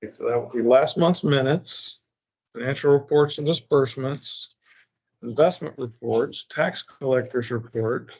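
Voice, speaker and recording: A man chairing a public board meeting, speaking procedurally and haltingly as he works through formal business. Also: medium pitch, darkish tone, husky. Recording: muffled, band-limited meeting recording.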